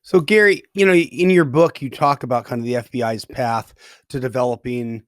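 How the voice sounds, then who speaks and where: A man's voice: medium pitch, steady tone, normal speed, no echo. A man conducting an interview, putting questions to his guest in a conversational way.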